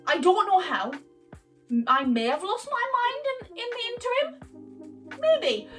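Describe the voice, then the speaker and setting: Sitting far from the mic, a woman with an extremely high-pitched, sharp-toned voice hosts a chatty, casual vlog on audio production. She rambles haltingly and often interrupts herself.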